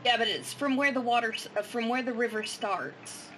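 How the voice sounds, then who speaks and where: A woman's voice: a little high, normal speed, a bit bright, a little hiss or hum, low-quality recording. A woman playing a tabletop game, speaking in casual chat.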